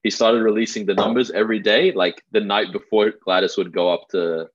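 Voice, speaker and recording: A man's voice: on the low side, steady tone, a little fast, dull audio. A man co-hosting a casual podcast, telling things in a laid-back, slangy way. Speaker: podcast co-host. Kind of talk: casual conversational storytelling.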